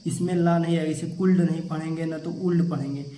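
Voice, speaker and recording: A man's voice: fairly high pitch, little pitch movement, quick pace, dark tone. A man teaching English pronunciation to children, who keeps asking the class questions and answering them himself. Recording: echoey room with crickets chirping.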